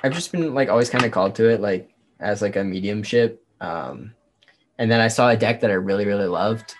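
This livestream guest, who works as a performer and tarot reader, talks in a loose, rambling way peppered with "like." He has a lowish voice and a fairly quick pace.

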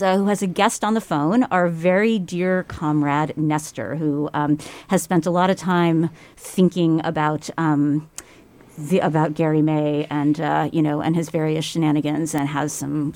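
Mask-muffled woman co-hosting radio, lowish voice. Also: steady tone, normal speed, a little mellow, dry recording. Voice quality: slightly muffled, talking through a mask. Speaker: radio co-host. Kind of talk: casual radio show chat.

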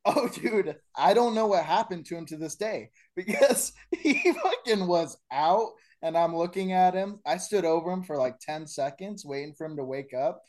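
A man's voice: high-pitched, expressive, moderate pace, few pauses, a little mellow. A man in his thirties, a podcast co-host, telling a story in loose, profane casual chat and laughing often. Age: 30s.

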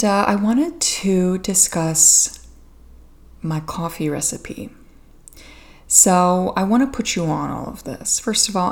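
A young Canadian woman hosts a casual solo podcast. Her voice is a little low for a woman, with plenty of vocal fry, and she takes her time. She rambles informally and pokes fun at herself. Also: darkish tone. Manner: rambling, informal, self-deprecating. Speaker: podcast host. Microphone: podcast microphone with pop filter.

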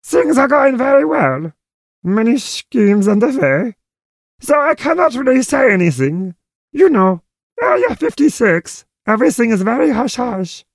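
A woman playing a secretive, genteel villainous doctor in a comic audio drama, measured, formal and theatrical. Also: a little high, very animated, dry recording, clean studio sound, full character voice. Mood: wistfully sinister.

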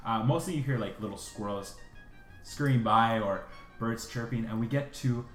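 A man narrating a tabletop game as game master in a loose, relaxed way. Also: medium pitch, moderate pace. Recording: echoey room with faint music.

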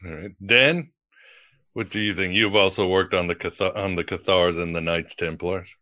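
Deep-voiced man moderating a panel. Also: fairly even intonation, moderate pace, sharp tone, dry recording, clean studio sound. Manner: explanatory, passes questions to others. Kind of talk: panel discussion.

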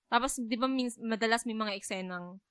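A woman with a Filipino accent hosting a casual film chat, relaxed and often agreeing. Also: a little high, moderate pace, clean tone, no echo, studio quality. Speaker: host.

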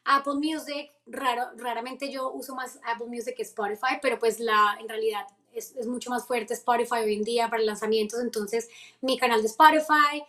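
Lively woman, slightly high voice. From Colombia. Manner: lively, mixes in English phrases, quick restarts. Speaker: singer-songwriter guest. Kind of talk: casual interview.

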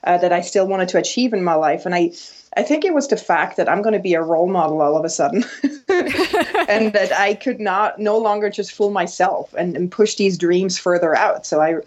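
A woman, a guest on a podcast, tells her story in a reflective, relaxed way. Her voice sits a little low and comes over a dull, lo-fi line. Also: moderate pace. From Switzerland. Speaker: guest, designer and entrepreneur. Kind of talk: casual interview.

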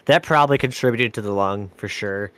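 A man's voice: fairly low pitch, fairly quick, fairly bright tone, no room sound. Laid-back young man, swearing casually. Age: 20s. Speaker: podcast co-host. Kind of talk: casual chat.

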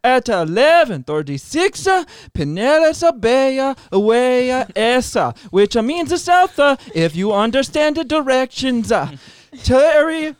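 A man doing an exaggerated Italian accent as a halting restaurant pitchman, full of filler sounds. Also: sing-song, clear, resonant tone, no echo, clean studio sound, exaggerated voice. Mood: hammy. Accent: put-on Italian.

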